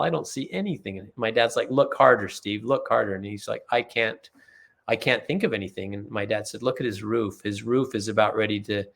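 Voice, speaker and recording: A man's voice: fairly low pitch, creaky. A man from Utah, a podcast guest, telling earnest, rambling family anecdotes in a casual chat, acting out quotes as he goes. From Utah, USA. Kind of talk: casual storytelling in conversation.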